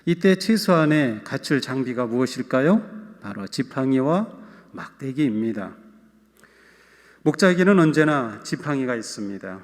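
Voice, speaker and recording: A male pastor giving a sermon in a church, relaxed and humorous, speaking directly to his congregation. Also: mid-range voice. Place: church sanctuary. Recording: long church hall reverb.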